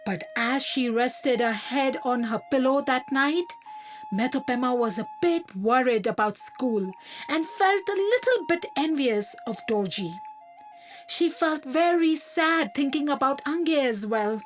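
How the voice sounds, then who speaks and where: Woman, children's story narrator, high voice, slow gentle pace, soft music behind. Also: animated. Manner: slow, gentle and clearly spoken.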